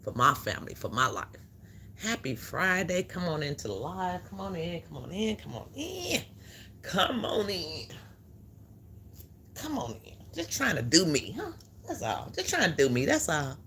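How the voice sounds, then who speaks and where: An adult speaker of unstated sex hosting a casual livestream, animated and repetitive, calling people out and talking back over a video they play. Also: mid-range voice, fairly quick, vocal fry, slight background noise. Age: adult who works a job. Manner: animated, repeats phrases, calls people out. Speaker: livestream host. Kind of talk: casual live-stream commentary.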